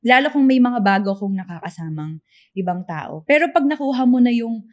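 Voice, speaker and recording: A young woman in her twenties from the Philippines, co-hosting a podcast in casual chat, soft-spoken and hesitant. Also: a little high, lively intonation, fairly quick. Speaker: podcast co-host.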